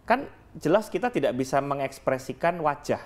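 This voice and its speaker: A man's voice: on the high side, normal speed. A man in his thirties, a guest on a talk show, who talks about vocal tone and demonstrates different ways of speaking. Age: 30s. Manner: animated, demonstrates tones of voice. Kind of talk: studio talk-show conversation.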